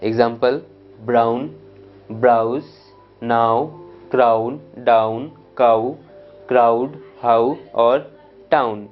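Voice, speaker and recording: A man teaching English pronunciation, reading out word lists one by one and often checking "clear?" with his students. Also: mid-range voice, steady tone, slow, phone-quality sound, soft background music. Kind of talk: pronunciation lesson.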